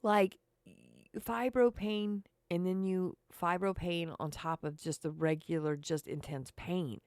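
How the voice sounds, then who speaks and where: A woman talks slowly and sarcastically as a podcast host, chatting straight to her listeners. Her voice sits a little low. The sound is dry and close, with no room echo. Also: steady tone, darkish tone, clear, resonant tone. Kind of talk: casual monologue.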